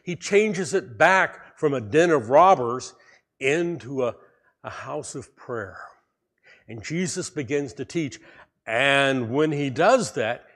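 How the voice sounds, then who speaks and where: A man preaching a sermon, telling a story in a lively way and speaking directly to his congregation. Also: on the high side. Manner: animated storytelling, addresses the congregation. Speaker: pastor.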